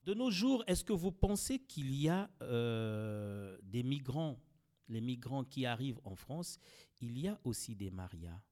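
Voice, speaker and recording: A man's voice: mid-range voice, sing-song, a little slow, a little mellow. Man interviewing guests. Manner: questioning, with fillers. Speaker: radio interviewer. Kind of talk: community radio interview.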